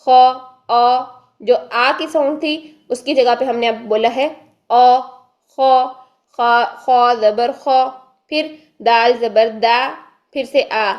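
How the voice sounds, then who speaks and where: A woman teaching Quran reading in a recorded lesson, explaining step by step and sounding out letters slowly. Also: on the high side, highs cut off. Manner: patient, repeats letter sounds slowly and drawn out; explains step by step, asks and answers her own questions.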